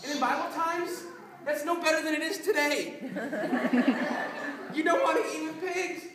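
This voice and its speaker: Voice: high-pitched, unhurried. A youth group leader retelling a Bible story to a group, playful and chuckling, directing listeners to act out parts. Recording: echoey room, voice from far off, faint noise.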